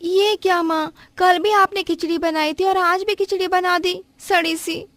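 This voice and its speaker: A woman voicing a curious, chatty young girl for a cartoon story, with a childlike, high-pitched voice. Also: steady tone, measured pace, a bit bright, no room sound. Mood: complaining. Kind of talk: cartoon voice acting.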